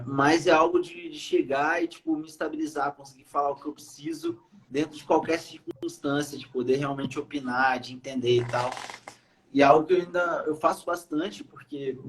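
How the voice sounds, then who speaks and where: A young Brazilian man, an iOS developer appearing as a podcast guest, talks casually with many fillers and hesitations. His voice is medium-pitched, and the poor audio carries some hiss or hum.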